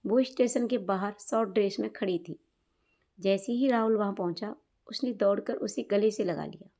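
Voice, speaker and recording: A woman reads a scripted moral story with a steady, even delivery. Her voice is warm and mellow, with no brightness or edge. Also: medium pitch, normal speed.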